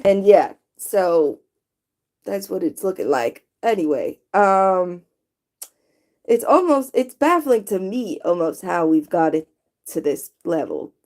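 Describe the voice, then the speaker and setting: A woman's voice: lowish voice, very animated, takes it slowly, a little mellow. Sleepy, rambling woman streaming late. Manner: rambling, drowsy, chatty. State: sleepy, yawning. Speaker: livestreamer. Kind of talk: late-night casual livestream.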